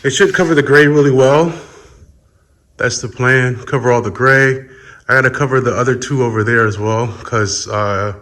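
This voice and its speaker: A man's voice: mid-range voice, steady tone, moderate pace, bright, forceful tone. A man, an auto body painter, chatting casually to viewers while his voice echoes around an enclosed paint spray booth. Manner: chatty, addresses viewers directly. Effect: reverberant echo of an enclosed spray booth. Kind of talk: casual how-to vlog. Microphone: phone camera.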